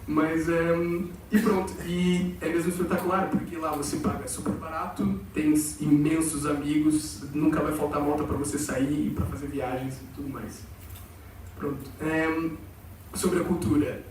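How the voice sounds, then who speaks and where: Speaking far from the microphone in a large, very reverberant auditorium with faint noise beneath, a young Brazilian man on exchange rambles through an informal student presentation full of fillers. His pitch is a touch high, though the tone is darkish and the delivery flat at a moderate pace. He speaks Brazilian Portuguese mixed with some slang from Portugal.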